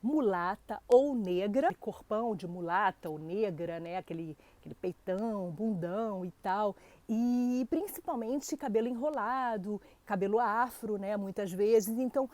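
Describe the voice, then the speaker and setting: On her own channel, a Brazilian woman with a Brazilian Portuguese accent answers a viewer's question, talking straight to camera in a chatty, direct style full of fillers. Her mid-range voice is unhurried and a little mellow, in a dry recording.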